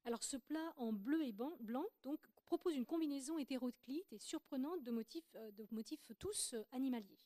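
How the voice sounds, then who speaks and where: A woman lecturing to an audience, her voice warm and mellow and set a little high for a woman. She explains things carefully, hesitating and restarting as she goes. The sound is dry and close, with no room echo. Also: normal speed, few pauses. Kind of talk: academic lecture presentation.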